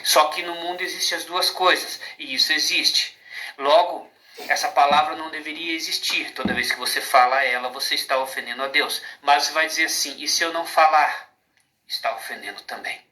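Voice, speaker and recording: A spiritual speaker with a Brazilian Portuguese accent gives an informal monologue, emphatic and rambling, often posing rhetorical questions. His voice is a little high, a little fast, bright and forceful, and the recording has a roomy echo.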